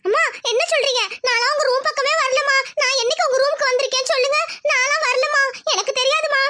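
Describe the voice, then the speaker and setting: A woman's voice: very high-pitched, steady tone, fast talker, bright, forceful tone, pitched above the performer's own voice. A woman voicing a nervous young housemaid in a cartoon, protesting her innocence.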